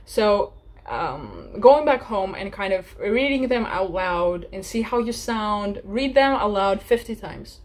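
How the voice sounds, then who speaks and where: A young woman in her twenties giving casual language-learning advice in a chatty, animated vlog, often laughing. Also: medium pitch, slow. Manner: chatty and animated, laughs often, acts out little sample dialogues.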